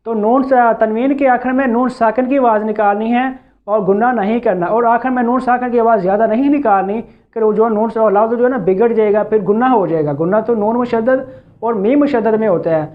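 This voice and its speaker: A man teaching Quran recitation rules, explaining patiently and repeating himself, with slow drawn-out recited examples. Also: very high voice. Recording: tinny phone-like sound.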